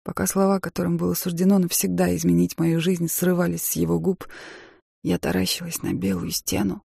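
A woman reading a first-person audiobook in a measured, dramatic way. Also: lowish voice, creaky, warm tone, husky, dry recording, clean studio sound. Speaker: audiobook narrator.

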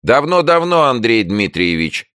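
A man voicing a shrill, frightened old woman neighbor who scolds loudly from behind her door in an audiobook. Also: sing-song, measured pace, dry recording, studio quality. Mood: fussing. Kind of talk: audiobook character voice.

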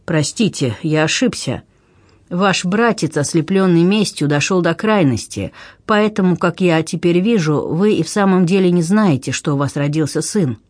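A man's voice: a little high, expressive, normal speed, no room sound, close to an everyday voice. A man reading an audiobook, voicing a bitter sea captain who pleads his case earnestly and insistently. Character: bitter middle-aged male sea captain.

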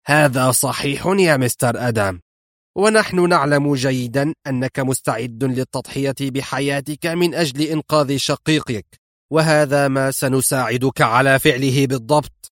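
Reading an audiobook, a man voices a cunning, smug old villain who uses a wheelchair, sounding sly, mocking and theatrical. His mid-range voice is a bit bright and close to an everyday one, moving at a moderate pace. The recording is dry and studio quality.

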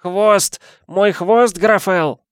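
A man's voice: fairly high pitch, steady tone, moderate pace, fairly bright tone, clear, resonant tone, no room sound, studio quality, voice pushed up, natural voice. A man voicing a suspicious, ill-tempered painted male mouse who snaps and barks his lines in a storybook. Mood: wailing. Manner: snappish, barking. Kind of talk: audiobook character voice.

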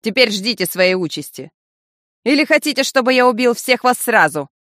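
A woman's voice: fairly high pitch, expressive, moderate pace, a bit bright, no room sound, clean studio sound, voice pushed up. A woman voicing a cruel male master of death who threatens and coaxes with false kindness. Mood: threatening. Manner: menacing, coaxing with false kindness. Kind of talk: audiobook character voicing.

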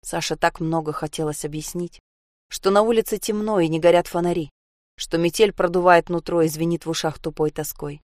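A woman narrating a story in an even, measured reading. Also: lowish voice, dry recording, studio quality.

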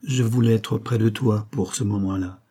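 A man's voice: lowish voice, fairly even intonation, normal speed, warm tone, slightly rough. A man reading an audiobook voices a dying old female servant who solemnly reproaches the young woman she raised. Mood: stern.

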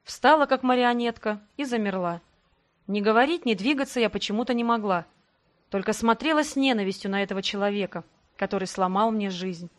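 A woman's voice: medium pitch, fairly quick. Woman narrating an audiobook dramatically. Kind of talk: first-person audiobook narration.

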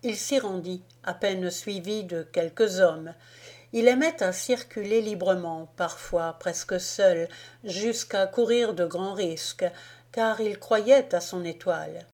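Woman audiobook narrator, historical fiction, slow deliberate read. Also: mid-range voice, a little mellow. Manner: slow, measured reading. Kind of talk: scripted narration of a historical novel.

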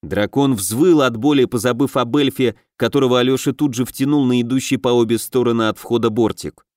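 Male audiobook narrator, mid-pitched, dry close read, steady storytelling. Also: fairly quick, no echo. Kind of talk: scripted narration of a fantasy game novel.

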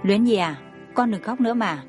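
A woman voicing a gentle, long-suffering middle-aged stepmother in a storybook reading, soft and soothing. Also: medium pitch, animated, moderate pace, faint music behind, natural voice.

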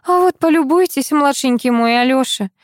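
A loud middle-aged mother who scolds without pause, her voice shrill and indignant, as a woman reads her. She sits high in pitch and sounds close and dry. A storybook scold through and through. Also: dry recording, natural voice.

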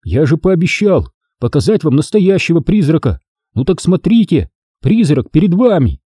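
A man voicing a cold, secretive ghost boy in an audiobook, with a husky, eerie manner. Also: sing-song, moderate pace, mellow, no room sound, studio quality. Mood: menacing. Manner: low cold menace, eerie. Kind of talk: audiobook character reading.

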